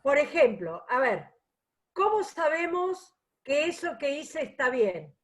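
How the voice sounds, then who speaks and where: A woman's voice: high-pitched, big pitch swings, takes it slowly. A woman teaching a math class online, patient and explanatory, often checking that students follow.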